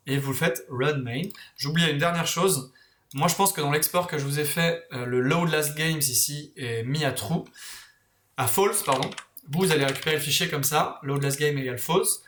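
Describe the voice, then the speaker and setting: A man explains software steps in a loose, conversational tutorial, backtracking when he misspeaks. His voice sits a little high for a man. The recording carries a noticeable roomy echo. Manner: casual, talks while clicking, self-correcting. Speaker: tutorial host.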